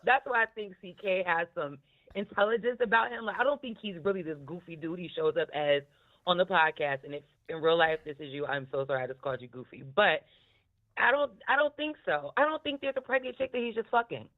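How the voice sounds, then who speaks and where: A smoky-voiced woman chats candidly about podcasts, swearing freely and laughing often. Her voice is lowish with lively intonation and a fairly quick pace, heard over thin, tinny phone-line audio.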